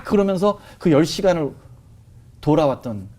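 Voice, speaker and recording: A man sharing a personal testimony in conversation, telling it in an animated way with many fillers. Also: a little high, brisk.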